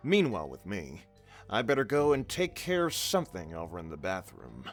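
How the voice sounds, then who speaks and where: Man voicing a calm pizzeria owner. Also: sits low, normal speed, soft background music, heavily acted. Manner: calm, understated. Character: calm middle-aged male pizzeria owner, quietly knowing.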